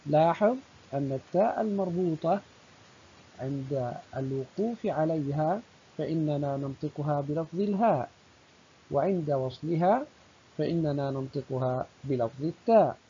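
A primary school teacher giving a recorded lesson, speaking slowly and deliberately and stretching out the example words. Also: mid-range voice, dark tone, husky. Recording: dull lo-fi recording.

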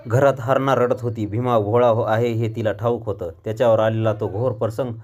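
A man narrating a short story aloud in a measured, expressive reading voice. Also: on the low side.

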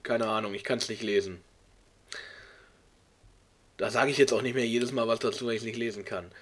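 A man hosting a video reads a clumsy fan story aloud at normal speed with a steady tone, ridiculing it with exasperated jokes. For some characters he squeaks up into high voices, all part of a comedic read-along.

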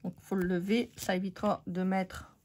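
French woman, voice going hoarse, casual crafting host talking to her viewers. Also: mid-range voice, level tone, moderate pace, darkish tone. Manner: chatty, many fillers, talks to viewers. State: losing her voice. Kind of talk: casual craft haul chat.

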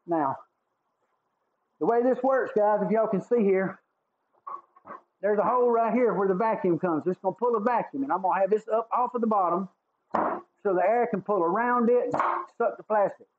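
A man with a Southern drawl chats casually to his livestream viewers while he works at a guitar build. His voice sits fairly high and comes through thin and phone-like, with a faint hiss behind it. He talks in a folksy, easygoing way. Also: normal speed, long pauses. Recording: tinny phone-like sound with faint noise.

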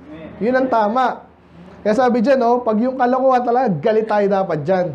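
A Filipino man preaching a blunt, scolding sermon in a church, switching between Tagalog and English and slowing down to quote scripture. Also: very high-pitched, dull audio, a little hiss or hum. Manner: blunt, scolding, asks the congregation frequent questions. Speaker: pastor.

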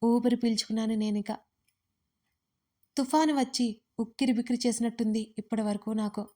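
A woman telling a first-person romance story with expressive, dramatic delivery. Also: on the high side, fairly quick.

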